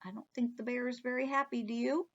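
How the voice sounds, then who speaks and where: A woman's voice: on the high side, fairly even intonation, fast talker, fairly bright tone, muffled recording. A woman librarian reading a picture book aloud expressively for children, stopping to talk to them directly.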